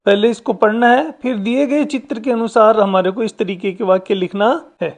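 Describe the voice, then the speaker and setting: A woman's voice: medium pitch, fairly even intonation, normal speed. Woman patiently explaining a workbook. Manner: patient step-by-step explaining, addresses children directly. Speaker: teacher.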